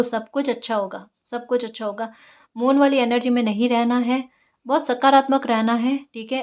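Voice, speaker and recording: A woman with a slightly raised pitch talks her listeners through a tarot reading in an easy, conversational way. She coaxes and encourages them, keeps checking in with "right?", and repeats her main points to drive them home. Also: a little mellow. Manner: encouraging, repeats key phrases. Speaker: tarot reader. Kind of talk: casual spiritual guidance talk.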